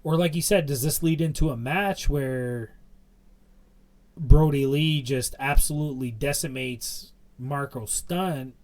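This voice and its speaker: A man's voice: a little high, a little slow, a little mellow. A young man co-hosting a podcast, rambling through a casual wrestling recap with lots of fillers. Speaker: podcast co-host.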